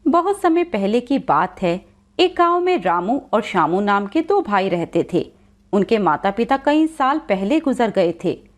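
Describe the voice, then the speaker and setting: A woman telling a moral story with lively, expressive narration. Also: medium pitch, unhurried.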